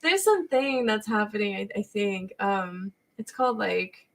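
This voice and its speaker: A woman's voice: medium pitch, lively intonation, moderate pace, fairly bright tone. A woman in her late twenties co-hosting a casual podcast chat, often hesitant and trailing off as she searches for words. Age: late 20s. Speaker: podcast co-host.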